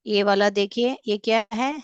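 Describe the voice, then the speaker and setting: A woman's voice: mid-range voice, fairly even intonation, moderate pace, clear, resonant tone, muffled recording. A woman teacher giving an online phonics lesson, patiently spelling out sounds letter by letter and mixing Hindi with English. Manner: mixes Hindi and English, calls students "beta".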